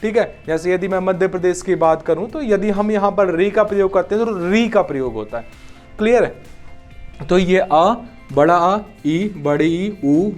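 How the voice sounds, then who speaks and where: Male teacher, young, high-pitched, explanatory exam-prep lecture style, frequent rhetorical questions.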